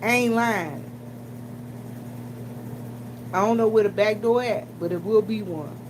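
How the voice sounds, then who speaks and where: A loud background hum runs through the noisy room as a D.C. woman, a vlogger and gas station worker, casually tells her viewers stories. Her mid-range voice moves a little slowly, and she's lively and colloquial, voicing other people's lines herself.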